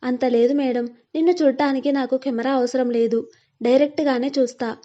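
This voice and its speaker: A woman's voice: sits high, steady tone, a little fast, dark tone, highs cut off, close to an everyday voice. A woman voicing a young man, a playful and devoted fiancé who teases affectionately, in a storybook reading. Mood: playful, doting.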